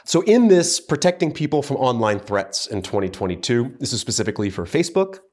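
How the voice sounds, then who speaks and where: A man's voice: medium pitch, big pitch swings, fairly quick, darkish tone. A man co-hosting a podcast, talking through reports in a casual, analytical way, thoughtful and full of hedging fillers. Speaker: podcast co-host.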